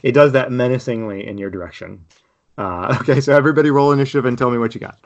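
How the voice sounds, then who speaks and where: A man's voice: mid-range voice, quick pace. A man narrates as game master for a tabletop game. He describes each scene in a loose, meandering way, with plenty of fillers and restarts. The recording sounds slightly dull and lo-fi. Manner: loose, rambling description full of "like" and "uh".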